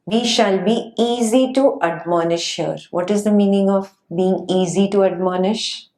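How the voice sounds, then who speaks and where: Gentle woman teaching scripture, echoey room. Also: medium pitch, unhurried. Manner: gentle, frequent checking questions, laughs often. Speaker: dharma teacher. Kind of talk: explaining scripture to students.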